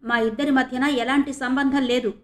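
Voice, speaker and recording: Brief: woman narrator doing a firm, indignant young man, high-ish voice, audio novel. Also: steady tone, normal speed, natural voice. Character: upright young man, quick to anger.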